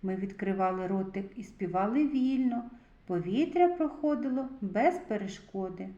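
A woman giving a slow, clear lesson to preschool children and asking them to repeat sounds after her. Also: medium pitch, expressive, dark tone. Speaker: preschool teacher. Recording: dull, lo-fi sound in an echoey room.

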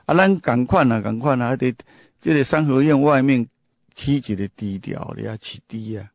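Host, male, Hakka-native speaker, emphatic folksy monologue with lots of rhetorical asides, mid-pitched, dry close sound. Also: normal speed, darkish tone, no echo. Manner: emphatic, full of rhetorical questions; repeats and restarts phrases. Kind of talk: casual storytelling monologue.

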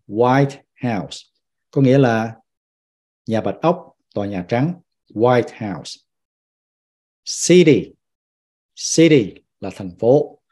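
Slow, soft-spoken man teaching vocabulary. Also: mid-range voice, husky. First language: Vietnamese. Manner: repeats each English word slowly, then explains it. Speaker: pastor teaching citizenship class. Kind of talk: vocabulary lesson, teacher repeating words.

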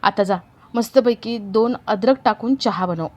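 A steady young husband who soothes rather than argues, his lines gentle and low-key, read by a woman in her own fairly high voice. It is a plain storybook reading of a family drama. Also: normal speed, lightly acted. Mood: reassuring. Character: young man, calm protective husband.

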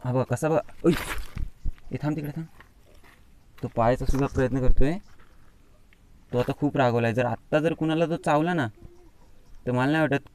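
A man's voice: medium pitch, moderate pace, pauses often, a little hiss or hum, poor audio. Chatty Konkan man filming on a phone. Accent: Konkani Marathi. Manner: chatty, excitable, mild swearing at the scorpion. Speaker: vlogger. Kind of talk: casual outdoor demonstration vlog. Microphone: phone camera.

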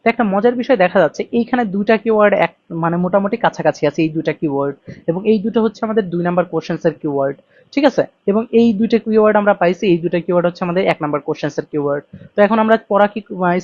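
A man talks quickly through an IELTS reading strategy, walking through each step and pausing to ask himself questions before answering them. The sound is dry and close, with a dull, slightly muffled tone. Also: high voice, a little mellow, no room sound. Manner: explains step by step, often asking and answering his own questions; reads English sentences slowly and deliberately. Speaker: IELTS tutor. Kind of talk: screen-recorded exam lesson.

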